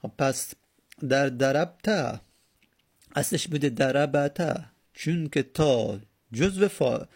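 A man teaching a grammar lesson, explaining slowly and repeating word forms as he spells them out. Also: mid-range voice, vocal fry, a little mellow, husky. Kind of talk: Arabic grammar lesson in Persian.

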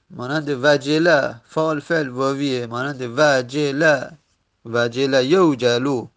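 A man teaching an Arabic grammar lesson, reciting verb forms slowly and repeating them, pausing often and correcting himself. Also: on the high side, fairly bright tone. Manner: slow, repetitive recitation of word forms; self-correcting, with frequent pauses.

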